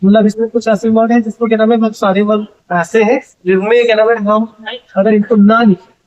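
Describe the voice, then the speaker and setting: A man's voice: high-pitched, darkish tone. A male teacher giving an exam-prep grammar lesson, who keeps asking his students questions and then answers them himself. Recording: dull lo-fi audio.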